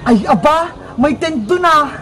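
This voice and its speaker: A blunt, loud cartoon boy teases his friend in a high, drawn-out voice, as a woman puts him on. Music plays behind him throughout. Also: animated. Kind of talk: cartoon voice acting. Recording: music in the background.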